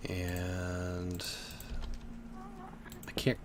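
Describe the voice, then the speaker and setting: Speaking in a low voice with a completely flat delivery, a man in his thirties streams a game from his bedroom extremely slowly. He's a bit drunk, rambling, cursing and laughing often throughout his live commentary.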